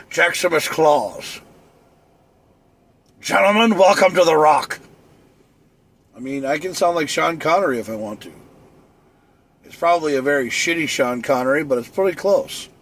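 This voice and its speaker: A man's voice: fairly high pitch, expressive, moderate pace, a bit bright. A man chatting through a late-night livestream, rambling and joking around.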